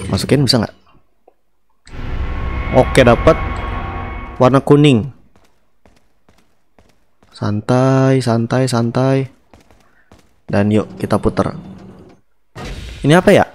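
A young man with an Indonesian accent giving casual gameplay commentary into a headset, chatty and often repeating words in quick strings. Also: mid-range voice, a little mellow. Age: young adult. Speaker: gaming streamer. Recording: game music behind the voice. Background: video game music.

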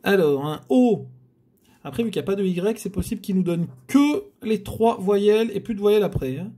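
A man's voice: high voice, expressive, normal speed, warm tone. A man hosting a scratch-card video, chatting casually to viewers as he scratches tickets and groaning at bad luck.

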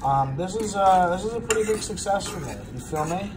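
Tipsy young guy rambling and swearing through a cooking vid, voice kinda high, pans clattering, noisy phone audio. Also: lively intonation, fairly quick. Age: young adult. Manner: drunken, loose, rambling. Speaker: amateur home cook. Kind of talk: casual profane cooking chat. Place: home kitchen, indoors. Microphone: handheld phone. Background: pans and cutlery clattering.

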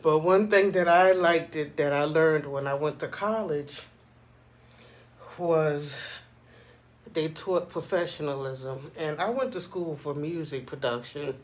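A man's voice: on the high side, measured pace. A man vlogger giving a casual opinion monologue in a conversational way, often checking in with the listener. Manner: conversational, frequently checking in with "you know what I'm saying".

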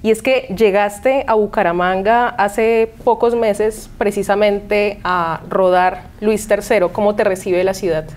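A woman's voice: medium pitch, steady tone, measured pace, few pauses, a little mellow. A woman hosting a news interview, friendly, with short acknowledgments. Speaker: interview host.

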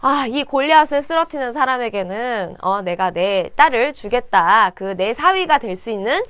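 A woman's voice: a little high, animated, normal speed, a bit bright, clear, resonant tone, no room sound. A woman voicing a weary commanding king.

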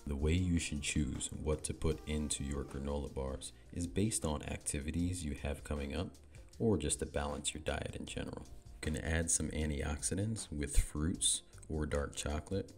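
A man in his thirties with a bass voice that's a little mellow hosts a home cooking vlog. In his kitchen he chats casually to camera with playful, jokey asides, then switches to voice-over.

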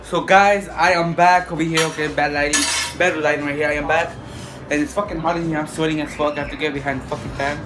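A man's voice: a little high, fairly even intonation, fast, background noise. A young man chatting casually to viewers in a vlog, swearing often and repeating himself. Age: young adult. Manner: profane, repetitive. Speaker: challenge vlogger. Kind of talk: casual excited vlog chat. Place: small living room.

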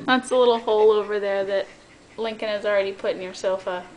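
A woman's voice: mid-range voice, steady tone, quick pace, slight background noise, poor audio. A woman filming her dogs at home, cooing in baby talk and laughing often. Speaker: dog owner filming her pets. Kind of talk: casual home video chat. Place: home living room, indoors.

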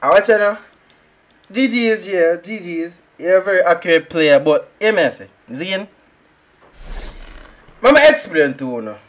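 Young jamaican guy streaming a game, high voice, hyped up and rambling, trash talking. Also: a little slow, pauses often. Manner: excitable, rambling trash talk. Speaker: gaming streamer. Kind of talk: live gameplay commentary.

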